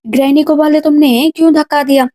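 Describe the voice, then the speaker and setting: A woman's voice: high-pitched, steady tone, a little fast, warm tone, natural voice. A woman voicing spiteful, jealous palace concubines who sneer and taunt.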